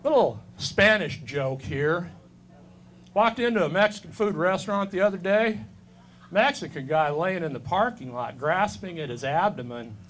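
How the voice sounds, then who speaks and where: A man's voice: high voice, lively intonation, moderate pace, fairly bright tone. Fifties man doing dry stand-up one-liners. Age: 50s. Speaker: stand-up comedian. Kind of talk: stand-up set.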